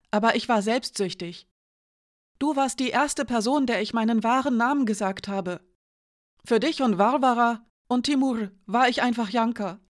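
A young woman weighed down by guilt, close to tears and pleading, as a woman reading a story puts her on. The voice sits noticeably higher than the narration and pushes forward with emotion. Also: natural voice.

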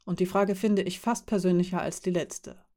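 A woman reading the lines of a calm, friendly man who is part elf and part dwarf, explaining things with quiet amusement. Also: lowish voice, normal speed, close to an everyday voice.

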